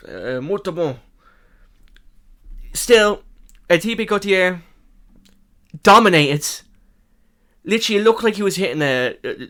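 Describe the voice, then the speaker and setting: A young man with a slight lisp, giving rambling, animated fight reaction commentary with casual swearing. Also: on the high side. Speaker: MMA reaction youtuber.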